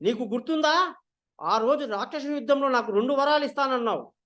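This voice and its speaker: A man voicing an angry, scheming queen who shouts her demands in a retold epic. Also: extremely high pitch, a little fast. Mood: defiant. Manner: loud, shouting. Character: furious scheming queen, woman, adult.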